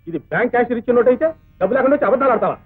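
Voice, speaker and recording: Rapid, scolding hotel cashier. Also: male voice, very high-pitched, animated, husky, no echo, heavily acted. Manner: scolding and dismissive. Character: gruff hotel cashier accusing a boy. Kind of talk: 1980s film drama. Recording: tinny lo-fi film soundtrack with faint music.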